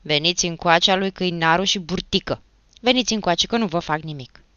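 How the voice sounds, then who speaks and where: Woman narrator doing a violent young peasant bully, shouting and snarling threats, forceful. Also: fairly low pitch, clean tone, no echo, muffled recording. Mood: furious shouting. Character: fierce seventeen-year-old peasant youth, violent.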